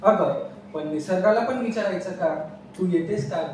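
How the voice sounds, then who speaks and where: A man's voice: high voice, normal speed, darkish tone. A young man reciting a humorous poem at a student event, with a teasing, mock-exasperated delivery. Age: young adult. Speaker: student poet. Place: large echoey hall on stage. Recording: echoey hall from far off, faint noise.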